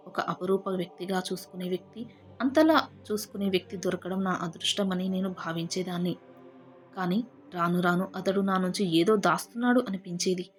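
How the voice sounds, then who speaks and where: Woman narrating a heartfelt family story. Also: on the low side. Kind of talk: first-person audio story narration. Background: faint background music.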